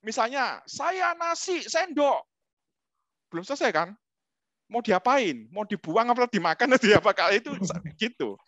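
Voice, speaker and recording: A middle-aged man giving a humorous, animated talk as a webinar guest speaker, speaking straight to his listeners. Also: high voice, normal speed, no echo, highs cut off. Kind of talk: lively storytelling talk.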